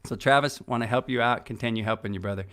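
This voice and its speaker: Speaking fast in a mid-range, fairly bright, clear and resonant voice, the middle-aged host chats up the conference he's organizing, along with its sponsors. The promotional podcast talk is casual and eager, with lots of fillers and false starts.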